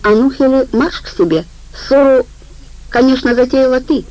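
A woman narrator voicing a gruff male guard giving orders in an audiobook. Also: high voice, normal speed, a little mellow, voice pushed up, natural voice, rough recording. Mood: commanding. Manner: commanding, barking.

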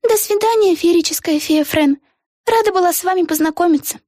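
A woman's voice: very high voice, a little fast, dark tone, dry recording, clean studio sound, pitched above the performer's own voice. A woman voicing a timid, sceptical young girl who talks in an earnest, plaintive way, in an audiobook. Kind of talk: audiobook voice acting.

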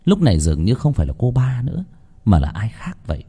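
A man narrating a first-person ghost story with a lively, dramatic telling. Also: medium pitch, quick pace, breathy edge.

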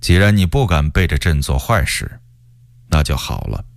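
A man voicing a cold, suspicious emperor in a radio story, speaking slowly with quiet menace. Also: rumbling low, big pitch swings, vocal fry, no echo, clean studio sound, pitched below the performer's own voice, heavily acted. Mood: stern. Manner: slow, cold, measured menace.

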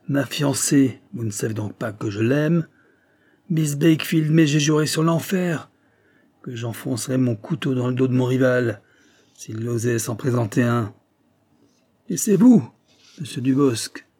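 A bloodthirsty drunken tyrant, played by a man, jeers at his captives, his voice jumping high with cruel glee and breaking into shouts. His tone is dark and husky. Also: animated, moderate pace. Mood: jealous fury. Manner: jeering, gleeful menace with sudden shouts. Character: drunken cruel male despot, mocking and bloodthirsty.

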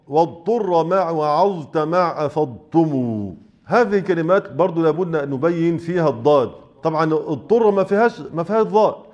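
A man with an Egyptian accent teaching Quran recitation rules. He asks rhetorical questions and sounds out letters slowly and repeatedly. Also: on the high side, darkish tone, lo-fi sound. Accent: Egyptian Arabic. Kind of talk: explaining tajweed rules in class.

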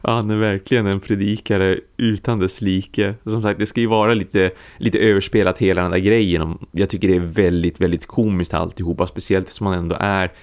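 A man with a low voice, co-hosting a podcast. He explains scenes at a measured pace and stretches his words as he thinks. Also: steady tone, darkish tone. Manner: measured, drawn-out explaining, laughs easily. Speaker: podcast co-host. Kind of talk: casual film discussion.

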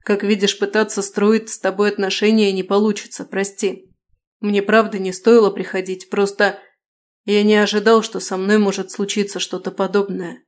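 A woman's voice: mid-range voice, level tone, normal speed, darkish tone, close to an everyday voice. A woman reading the lines of an anxious, normally composed male doctor in his late thirties, speaking in an agitated, pleading way. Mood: sad. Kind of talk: audiobook dialogue reading.

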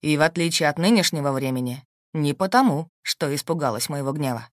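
A woman reading an audiobook, voicing a calm, shrewd and protective husband in a steady, dry, matter-of-fact way. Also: sits low, a little fast, no room sound, voice pushed down, lightly acted. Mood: calm, firm. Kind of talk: audiobook character voice.

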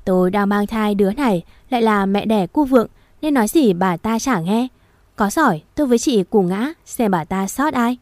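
A woman's voice: mid-range voice, expressive, moderate pace, darkish tone, no room sound, lightly acted. A woman voicing a spiteful young pregnant mistress who mocks and provokes, in a storybook reading. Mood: taunting. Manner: mocking and provocative.

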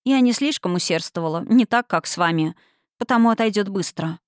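A woman voicing a frightened, soft-spoken young female succubus in an audiobook. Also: mid-range voice, animated, fairly quick, no echo, studio quality, close to an everyday voice. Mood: timid. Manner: quiet, timid.

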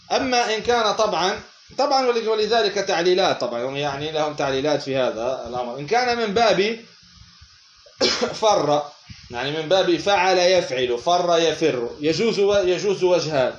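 A man giving a lesson on a grammar text, asking questions and then answering them himself, repeating words slowly. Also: on the high side, echoey room, highs cut off. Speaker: teacher of Arabic morphology.

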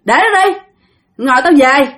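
A woman voicing a gruff, eerie older woman. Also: high voice, animated, normal speed, fairly bright tone. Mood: scolding. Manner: scolding, rough familiar address.

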